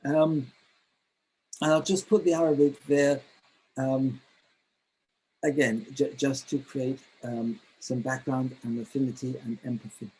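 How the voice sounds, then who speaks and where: A man presenting a teacher-training webinar, speaking in a halting way with many fillers and restarts. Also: mid-range voice, steady tone, a little mellow, slightly rough, rough recording. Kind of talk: webinar lecture.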